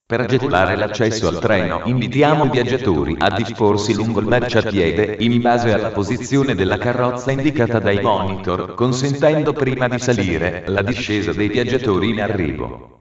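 Echoey male railway station announcer. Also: lowish voice. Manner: formal, measured, segmented phrasing. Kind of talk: automated public train announcements. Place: large railway station, heard over loudspeakers. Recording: muffled, very echoey station PA, distant.

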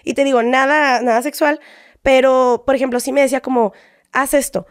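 A young woman with a Mexican accent tells her stories in a high voice as a guest in a casual interview. She acts out the quoted lines as she goes, and the recording is close and dry. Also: fairly even intonation, fairly quick, no echo. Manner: chatty storytelling, acts out quoted dialogue.

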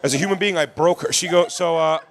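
A man's voice: a little high, fast talker. A man telling a comedic story on a podcast, acting out the dialogue and laughing as he goes. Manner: animated, acts out dialogue, laughs mid-story. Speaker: podcast co-host.

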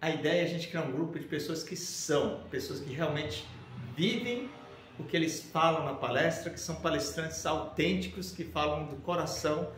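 A man speaks directly to his viewers in a casual, upbeat way, like a speaker pitching an idea. His voice sits a little high for a man. The camera mic picks up a noticeably roomy, echoey studio space. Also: moderate pace, fairly bright tone, slight background noise. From Brazil. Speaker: professional speaker. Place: indoor studio room with shelves.

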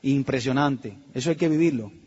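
A middle-aged Cuban man telling a personal story to an audience, acting out the quotes and dropping to a hush at tense moments. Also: medium pitch, normal speed, husky. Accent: Cuban Spanish. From Cuba. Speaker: speaker telling his story.

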